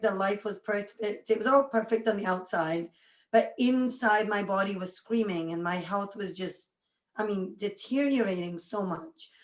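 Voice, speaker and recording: A woman's voice: mid-range voice, reverberant. A woman around forty from Scotland, a guest chatting with lots of energy and frequent laughs. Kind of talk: casual interview chat.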